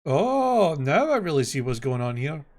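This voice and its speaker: A man voicing an excitable, chatty donkey sidekick from an animated fairy tale, talking in a colloquial, exclamatory way. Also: fairly high pitch, moderate pace. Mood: insistent.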